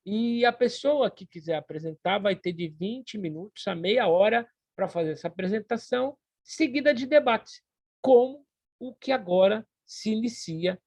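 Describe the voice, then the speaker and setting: A man from Brazil presenting a plan at an online meeting, earnest and halting, often repeating words as he goes. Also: high voice, darkish tone, no room sound. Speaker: meeting organizer.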